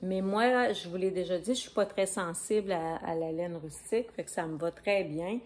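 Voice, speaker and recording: A woman's voice: lowish voice, normal speed. A woman with a Québécois French accent hosting a knitting video podcast at home, talking casually to a camera, rambling and correcting herself. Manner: chatty, rambling, self-correcting, glances at notes. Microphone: camera on a stand.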